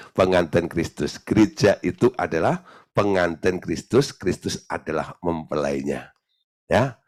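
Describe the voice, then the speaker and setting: A male pastor telling a story in a teaching sermon, lively and often laughing. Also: deep voice.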